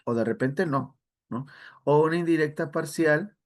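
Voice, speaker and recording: A man teaching a language review class, explaining step by step, often adding a quick question tag and calling students by name. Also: fairly high pitch.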